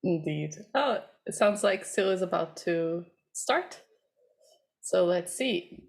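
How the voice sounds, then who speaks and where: A woman from Brazil co-hosting an online stream over a video call, chatting in a relaxed way and laughing easily. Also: lowish voice, slow, creaky. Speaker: online co-host. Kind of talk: casual live-stream chat.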